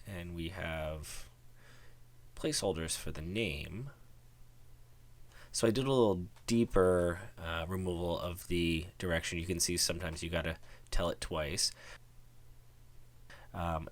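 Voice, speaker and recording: Guy with a real deep voice doing a chill how-to voiceover, rambly, dry close mic. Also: dry recording. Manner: relaxed, rambling, many ums and restarts. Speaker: tutorial host. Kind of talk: screen-recorded software walkthrough.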